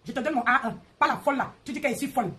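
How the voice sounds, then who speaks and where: A high-pitched woman hosts a live stream and rants at her rivals. She mocks them and repeats her jabs in a heated, confrontational way. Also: lively intonation, rapid-fire, a bit bright. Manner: mocking, repetitive, confrontational.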